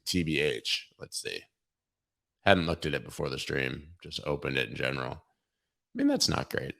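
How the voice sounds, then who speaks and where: A man with a very deep, low voice that sounds worn out and tired. He hosts a casual crypto livestream in an irreverent, joking way and swears freely as he walks through the charts. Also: creaky, fairly bright tone. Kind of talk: casual market commentary.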